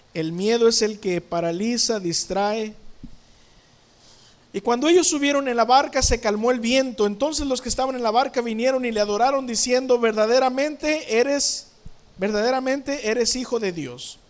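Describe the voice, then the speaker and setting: A male pastor preaches a sermon in church. His voice sits high, and he keeps asking the congregation questions. He brings scenes to life with sudden sound words.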